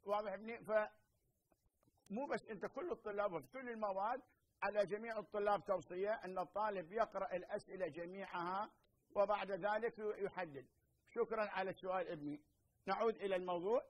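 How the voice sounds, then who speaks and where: A middle-aged man with an Iraqi Arabic accent teaching a televised lesson, explaining slowly, repeating points and checking that students understand. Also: high-pitched, poor audio. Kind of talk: televised lesson with phone-in questions.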